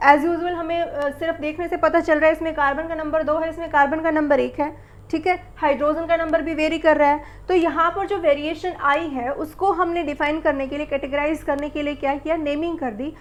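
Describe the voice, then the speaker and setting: A woman with a high voice teaches a school chemistry lesson. She quizzes the class with questions, answers them herself and drills the terms by repeating them. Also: fairly even intonation, a little fast. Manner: calls the pupils beta and bachche.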